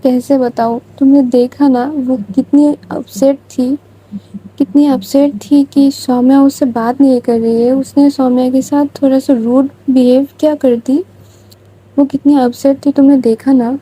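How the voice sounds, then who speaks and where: A woman's voice: sits high, level tone, unhurried, warm tone, slightly rough, low-quality recording. A woman voicing a heartbroken young woman, hurt and pleading as she explains her hidden love, in a storytelling reading. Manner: pleading, hurt self-justifying.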